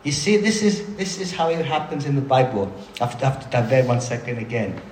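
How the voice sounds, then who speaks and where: A man preaching a sermon in a lively, conversational way, breaking off for quick asides to the room. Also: mid-range voice, slight background noise. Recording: roomy hall sound with faint ambience.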